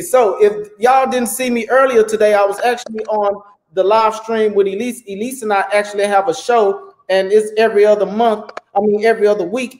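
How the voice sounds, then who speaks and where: High-voiced hype man hosting a livestream. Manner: animated, repeats words, preacherly hype. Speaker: host. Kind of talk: casual livestream interview. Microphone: phone.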